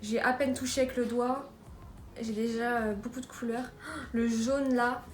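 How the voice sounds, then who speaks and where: A woman's voice: on the high side, fairly even intonation, normal speed, faint music behind. A young woman from France showing off a beauty haul in a casual vlog, chatty with lots of fillers and restarts. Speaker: beauty vlogger. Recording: echoey room with background noise.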